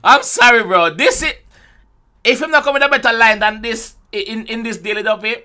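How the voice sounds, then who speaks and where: A young man with a Jamaican accent gives an excitable reaction commentary, full of loud exclamations and swearing. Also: high-pitched, fairly quick. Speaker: music reaction host.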